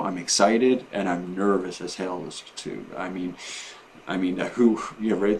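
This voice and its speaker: A man talking casually to camera in a personal vlog, rambling and halting, often trailing off mid-thought. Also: deep voice, slight background noise, poor audio. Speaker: vlogger and patient.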